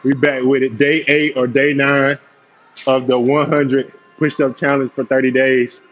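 A man's voice: mid-range voice, little pitch movement, unhurried. A young man chatting casually to his vlog audience in a hyped, slangy, familiar way, recorded on a phone in a gym. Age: young adult. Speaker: fitness vlogger, agency founder. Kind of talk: casual motivational vlog chat. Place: large indoor gym. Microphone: phone at arm's length or propped nearby. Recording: muffled phone audio in a gym.

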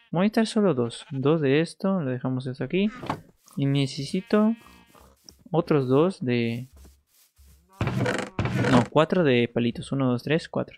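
Male streamer, playful and chatty, mid-pitched, casual gameplay commentary with sing-song asides. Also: darkish tone, a little hiss or hum. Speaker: gaming streamer.

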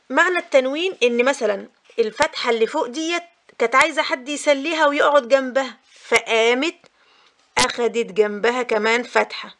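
A woman's voice: on the high side, a bit bright, a little hiss or hum. A young woman with an Egyptian accent teaching a grammar lesson for mothers, patient and repetitive, with frequent filler sounds. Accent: Egyptian Arabic. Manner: patient, repeats key points, many filler "ah"s.

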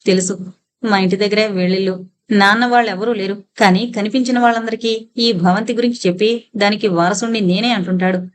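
A woman reads the part of a solemn local man in a suspense audio novel. He talks in a measured, grave way and stays calm. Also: high voice, slight background noise, close to an everyday voice.

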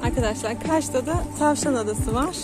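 A woman's voice: sits high, fairly quick, over loud music. A woman vlogger chatting to her followers on a walking tour, recorded outdoors on a handheld camera. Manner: chatty, addresses followers directly, promotes market stalls. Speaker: travel vlogger. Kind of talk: walking tour vlog narration. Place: outdoor seaside market street.

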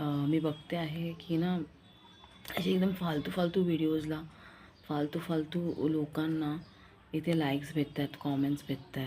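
A woman's voice: sits low, warm tone. A young woman with a Marathi accent chatting in a rambling, confiding vlog style, repeating herself as she talks. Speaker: vlogger. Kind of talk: casual vlog chat.

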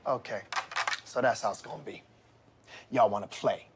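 A man playing a strict, combative middle-aged substitute teacher from an inner-city school in a comedy sketch, stern and husky as he barks at the class. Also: on the low side, steady tone, normal speed, background noise, lightly acted. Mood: stern, suspicious. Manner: stern substitute teacher barking roll call.

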